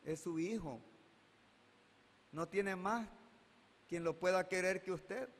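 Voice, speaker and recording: A man's voice: high voice, takes it slowly, big-room sound. A man preaching a sermon as pastor, earnestly retelling stories of people from his congregation in quoted dialogue. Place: church hall.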